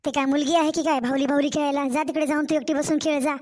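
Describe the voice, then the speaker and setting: A woman voicing a harsh, impatient young stepmother in an animated storybook, speaking with a Marathwada Marathi accent in a sharp, scolding way. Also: high-pitched, quick pace, close to an everyday voice.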